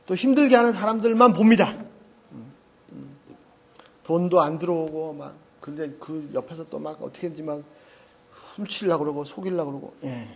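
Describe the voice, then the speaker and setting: A male pastor preaches in a lively, conversational way, often dropping in a quick "yes." His voice sits high for a man. The lo-fi recording has a muffled, dull tone. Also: creaky, a little hiss or hum. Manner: animated and conversational, often saying "yes" and laughing. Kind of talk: sermon.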